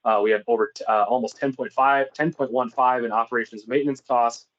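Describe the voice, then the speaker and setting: Male webinar presenter, mid-pitched voice, explanatory and conversational, slightly dull lo-fi sound. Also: steady tone, quick pace. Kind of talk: informal webinar business presentation.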